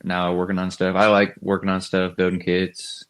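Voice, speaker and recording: A young man being interviewed as a guest. His voice is very low, and he keeps his answers short and easygoing. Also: completely flat delivery, normal speed, a bit bright. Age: young adult. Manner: laid-back, short understated answers. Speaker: guest racer.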